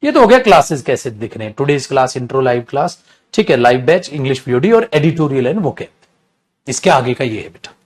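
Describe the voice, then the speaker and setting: A man's voice: medium pitch, sing-song, a little fast. A male English teacher giving an online class lecture, calling his students "beta" and explaining step by step in repetitive lists, with bursts of scolding.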